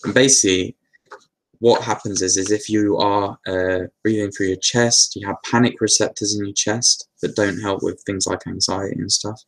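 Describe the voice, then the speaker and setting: A man with a lowish, gravelly voice, talking through viewer questions in an easygoing live Q&A. He wanders a little, restarts sentences and leans on plenty of fillers. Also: normal speed. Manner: relaxed, meandering, with many fillers and restarts. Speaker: host answering viewer questions. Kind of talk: casual live Q&A talk.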